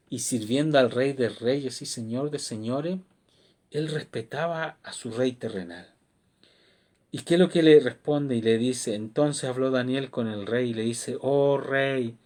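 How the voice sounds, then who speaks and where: A man preaching a devotional sermon as pastor, expressive and full of rhetorical questions. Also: mid-range voice.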